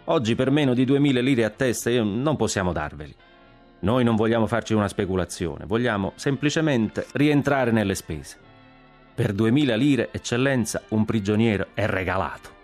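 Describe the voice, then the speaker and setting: A man's voice: fairly low pitch, animated, normal speed, darkish tone, faint music behind, voice pushed up. A man voicing a shrewd male commoner haggling with a governor, wheedling and stubborn.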